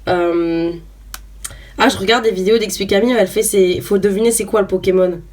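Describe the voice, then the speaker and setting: A woman's voice: medium pitch, steady tone, fairly quick, darkish tone. Chatty young woman opening cards. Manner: chatty, hesitant with many fillers, reads card names aloud. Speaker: YouTuber opening trading cards. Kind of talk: casual unboxing chat. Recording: voice a bit far from the mic, faint noise.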